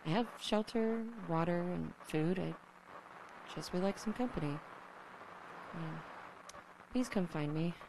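A woman's voice: fairly low pitch, a little slow, long pauses, background noise. A woman playing a young survivor who broadcasts alone on the radio, rambling and self-deprecating, swearing when flustered, in an audio drama. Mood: anxious. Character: young woman survivor, lonely, nervous, wry.

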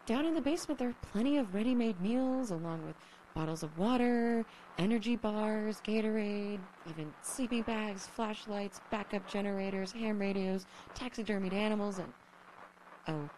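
A woman's voice: medium pitch, moderate pace, a little mellow, slight background noise, close to an everyday voice, rough recording. A woman playing a lonely, wry lone survivor. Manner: rambling, self-deprecating, swears when flustered. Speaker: lone radio broadcaster. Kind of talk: audio drama monologue.

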